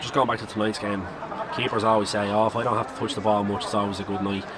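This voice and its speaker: An Irish man asks long, chatty questions at a quick pace, his voice slightly low. He is outdoors at a stadium, with clear traffic noise behind him. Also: little pitch movement. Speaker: club interviewer. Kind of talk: post-match interview questions.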